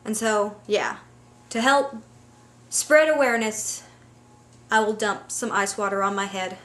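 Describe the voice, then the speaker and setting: A woman's voice: mid-range voice, fairly even intonation, measured pace, a bit bright. A woman vlogger talking casually to camera in a personal, unscripted way.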